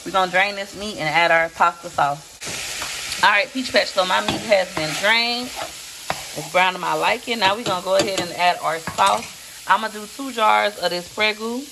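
A woman's voice: medium pitch, normal speed, creaky, noisy background. A woman filming a casual home cooking video, chatting folksily to her viewers while she stirs a pot. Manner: chatty, folksy, talks to viewers as Peach Patch. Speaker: cooking vlogger. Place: home kitchen.

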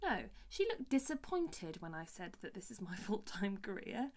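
A woman's voice: medium pitch, normal speed. Exasperated young woman ranting. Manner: animated and exasperated, voice leaping up on outbursts. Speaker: singer-songwriter vlogger. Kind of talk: ranting vlog monologue.

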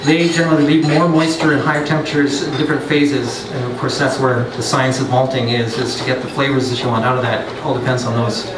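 Speaking quickly and flatly in a mid-range voice with barely a pause, this man is a brewer lecturing casually on science at a pub, cracking jokes and often starting sentences over. The mic sits far away in a roomy space, and crowd noise is loud.

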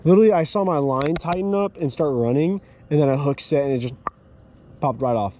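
A young man hosting a fishing vlog from a small boat on a lake, chattering excitedly into an action camera. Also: a little high, brisk. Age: young adult. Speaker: fishing channel host. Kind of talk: casual outdoor fishing vlog. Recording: outdoor boat audio with faint noise.

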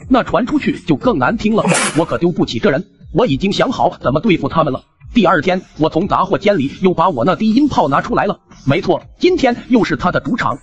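A young man narrating his own comic cartoon story in a chatty, wry way. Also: a little high.

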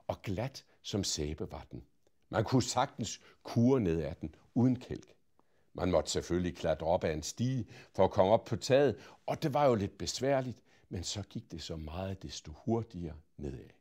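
A man reading a Christmas story aloud in an expressive storybook manner. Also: lowish voice.

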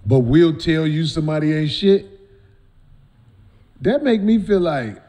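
Male podcast host, blunt and profane, lively high-leaning voice. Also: a little slow. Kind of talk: casual podcast chat.

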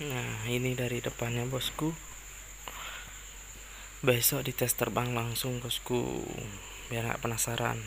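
A man casually showing his finished kite in a relaxed, slow vlog chat. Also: mid-range voice, vocal fry, a little hiss or hum. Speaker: kite maker. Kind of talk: casual vlog show-and-tell.

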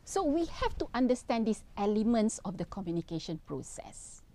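A woman's voice: medium pitch, very animated, moderate pace, warm tone, a little hiss or hum. A middle-aged woman, giving a university lecture in an earnest, instructive way and repeating her key points. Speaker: university professor.

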